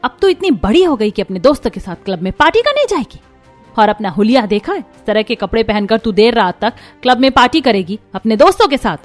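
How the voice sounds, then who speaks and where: A woman's voice: fairly high pitch, very animated, brisk, soft background music. Woman playing a strict, caring cartoon mother-in-law. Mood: scolding. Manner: scolding, firm.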